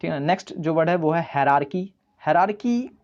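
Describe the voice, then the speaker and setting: An English teacher from India with an Indian accent, giving an online vocabulary lesson, spelling each word slowly letter by letter and explaining meanings with frequent "uh" fillers. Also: medium pitch, lively intonation, a little mellow. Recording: dull lo-fi recording.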